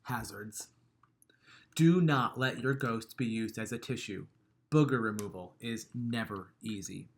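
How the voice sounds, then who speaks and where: This man's voice sits on the low side as he reads a children's picture book at a measured pace. He's gentle and expressive, softening the ends of lines and chuckling at the jokes.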